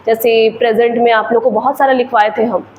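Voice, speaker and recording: A woman's voice: a little high, level tone, brisk, darkish tone, slight background noise, rough recording. A woman English teacher with an Indian accent, explaining grammar in a patient classroom lecture with repeated examples.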